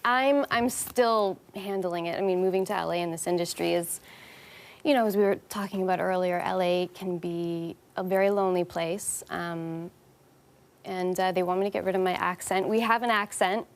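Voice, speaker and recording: A woman's voice: fairly low pitch, fairly even intonation, moderate pace. Chatty young Canadian woman guest. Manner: chatty, laughing, self-deprecating. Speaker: actress guest. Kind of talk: casual talk show interview.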